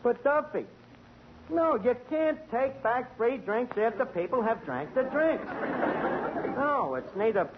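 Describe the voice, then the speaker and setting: Over some background chatter, a man speaks slowly in a very high-pitched voice. He portrays a lively, wisecracking tavern manager prone to malapropisms in a 1940s radio comedy, captured on a muffled, hissy 1940 recording.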